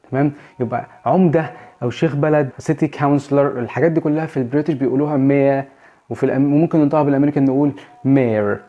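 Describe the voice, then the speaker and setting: A man's voice: a little high, muffled recording. A man with an Egyptian Arabic accent hosting a casual video lesson, chatty and repeating his points as he explains. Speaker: English teacher and channel host.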